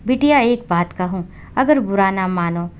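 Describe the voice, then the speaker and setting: A woman voicing an elderly, meek mother who speaks softly and hesitantly in a storybook. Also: mid-range voice, animated, normal speed, clean tone, close to an everyday voice. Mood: pleading. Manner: soft and hesitant. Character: elderly meek widowed mother, gentle and pleading.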